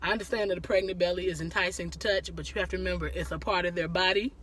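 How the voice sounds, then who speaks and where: A woman's voice: fairly low pitch, fairly even intonation, racing, a bit bright, a little hiss or hum. A woman hosting a live stream, chatting casually with viewers, greeting them by name and laughing often, with a lilt.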